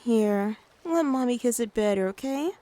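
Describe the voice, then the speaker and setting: A woman playing a gentle, doting mother in a soft-spoken ASMR role-play, soothing and coaxing as she talks to the listener like a small child. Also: a little high, animated, normal speed, no room sound, close to an everyday voice. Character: gentle doting mother taking her little one out. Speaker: ASMR creator.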